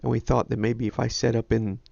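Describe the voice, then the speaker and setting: A man's voice: mid-range voice, flat delivery, brisk, creaky, darkish tone, dry recording, dull audio. A man, hosting a ham radio livestream in a casual, rambling, self-deprecating way. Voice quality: nasal. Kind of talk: casual chat.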